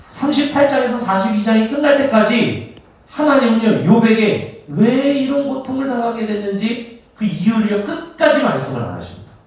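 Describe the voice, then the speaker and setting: A male pastor preaching a sermon with emphatic, dramatic swings between loud and hushed delivery. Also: very high-pitched. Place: church sanctuary. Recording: echoey church hall, mic at a distance.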